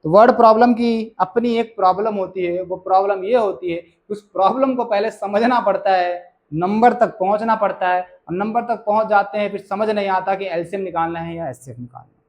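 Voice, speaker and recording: High-voiced man teaching maths, chatty. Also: moderate pace. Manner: casual, addresses students as bhaiya and beta, repeats key points. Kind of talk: classroom lesson explaining solutions.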